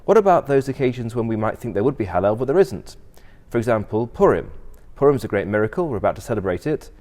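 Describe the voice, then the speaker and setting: A man, a rabbi, giving a measured explanatory religious talk, posing questions and then answering them. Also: fairly low pitch, mellow. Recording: long reverberant hall echo.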